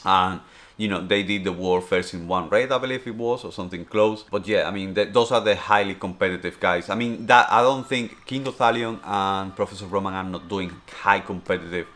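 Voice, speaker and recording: A Spanish man in his thirties, with a deep, low voice that's also a bit bright and a Spanish accent, chats casually through a streamer's Q&A at a fairly quick pace. He rambles, circles back, and peppers his talk with "obviously" and "you know".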